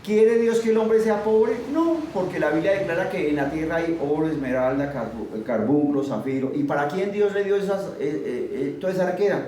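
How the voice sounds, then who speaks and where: Emphatic preacher in an echoey space. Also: male voice, on the high side, moderate pace, hardly any pauses, warm tone. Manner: emphatic, poses rhetorical questions to listeners. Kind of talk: sermon. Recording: very echoey, far from the mic, faint noise.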